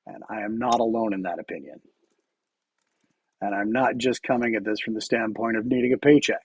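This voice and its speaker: Brisk and husky, a man with a fairly low voice talks through his coding on a live stream as he types. The dry recording catches his casual commentary, full of fillers and restarted sentences.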